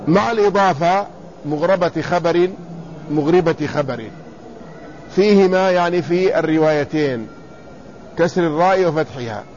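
A man teaching a lesson in classical Arabic, reading quoted commentary and then explaining it, repeating words slowly to spell out their vowels. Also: high-pitched, a little mellow. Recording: slightly dull lo-fi recording with faint room noise.

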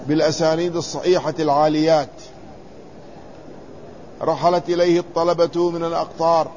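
A man with a somewhat high voice gives a traditional lesson. He reads a text aloud, stops to explain it, and asks his listeners questions. The recording is dull and lo-fi, with a faint hiss behind him. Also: a little mellow. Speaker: teacher reading and explaining a classical text.

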